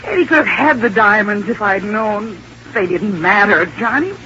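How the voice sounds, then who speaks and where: A woman's voice: mid-range voice, lively intonation, normal speed, bright, forceful tone. A vain, aging society lady in a vintage radio drama. Her voice swoops up and down as she stammers and flutters theatrically. The sound is muffled and hissy, like an old broadcast. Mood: flustered. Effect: old-time radio broadcast. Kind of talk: 1950s radio drama acting.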